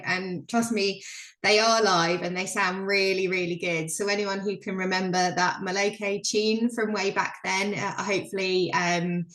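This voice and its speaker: A woman's voice: mid-range voice, fairly bright tone, reverberant. A woman giving a chatty, filler-heavy business update on a video call. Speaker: presenter on a member call.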